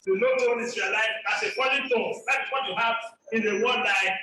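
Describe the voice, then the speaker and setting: Male lecturer, high and bright voice, slow delivery, echoey far-off video call audio. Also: slight background noise. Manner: deliberate, explanatory, repeats example words. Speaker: lecturer presenting on orthography. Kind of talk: academic presentation over video call.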